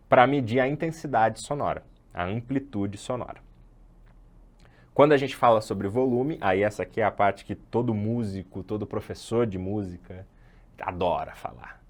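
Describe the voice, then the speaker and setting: A man with a Brazilian Portuguese accent giving an online sound design lecture, chatty and explanatory, often correcting himself mid-sentence. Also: lowish voice.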